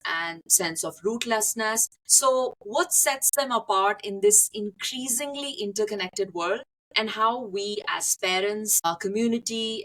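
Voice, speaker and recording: Woman hosting a podcast, measured. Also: mid-range voice, fairly bright tone, rough recording. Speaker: podcast host. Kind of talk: podcast interview.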